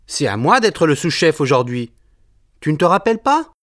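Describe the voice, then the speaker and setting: A man's voice: fairly high pitch, sing-song, normal speed, a bit bright, no room sound, studio quality. A man playing an eager, touchy sous-chef of Italian background who insists on his rank, in a scripted textbook dialogue. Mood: insistent. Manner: insistent, self-important.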